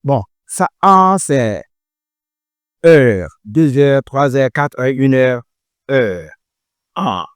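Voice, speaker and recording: A man from Ghana teaching a language class, repeating each word slowly and carefully to drill pronunciation. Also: medium pitch, lively intonation, clean tone, dry recording, clean studio sound. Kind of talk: pronunciation lesson.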